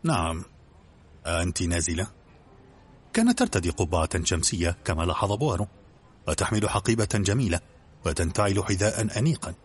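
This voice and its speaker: A man reads an audiobook in a very deep, husky voice. He narrates fast and briskly, steady and even.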